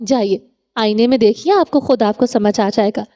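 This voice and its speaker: A proud, stubborn young heroine who speaks with defiant earnestness, read by a woman narrator. Her voice is fairly high with a dark, mellow warmth. Audiobook storytelling. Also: lightly acted.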